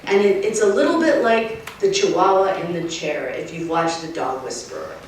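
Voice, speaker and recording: A woman's voice: on the low side, moderate pace. Woman wildlife expert talking to a crowd outside, emphatic, mic kinda far off, super echoey. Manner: lively, emphatic, keeps asking the crowd "right?". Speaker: urban wildlife specialist. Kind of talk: outdoor public talk. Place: outdoors at a nature center. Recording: echoey, distant, faint noise.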